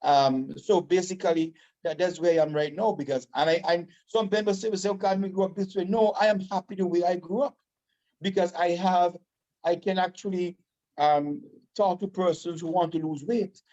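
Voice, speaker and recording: A Vincentian man with a notably high, mellow voice talks casually on the radio. He is emphatic and often repeats a phrase to drive it home. The sound is muffled and lo-fi. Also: normal speed. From Saint Vincent and the Grenadines.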